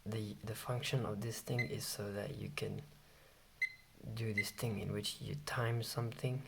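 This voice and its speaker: A young-sounding vlogger's casual review, spoken in a hushed, quiet-at-night voice with a gravelly creak. The pitch sits in a middle range. There is faint noise and clicking in the home recording. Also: little pitch movement, a little slow. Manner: speaking very quietly, hushed as if at night while others sleep. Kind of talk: casual hushed vlog chat.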